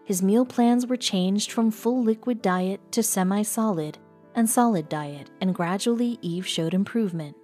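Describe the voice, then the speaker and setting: A woman reading a scripted documentary narration in an even, measured way. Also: medium pitch. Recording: voice-over with faint music behind.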